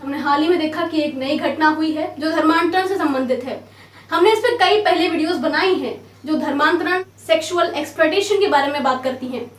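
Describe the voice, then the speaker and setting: A woman hosting a channel gives a formal welcome and asks an expert guest measured questions. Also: high voice, reverberant, distant mic. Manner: measured, courteous, poses rhetorical questions. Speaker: host.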